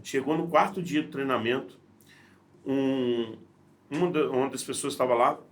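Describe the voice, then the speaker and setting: A man's voice: medium pitch, moderate pace. A man, a leadership trainer who is a guest on a podcast, telling stories in a casual way, acting out the dialogue and often restarting his sentences. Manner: animated storyteller, acts out dialogue, frequent restarts. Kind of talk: casual storytelling conversation. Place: podcast studio.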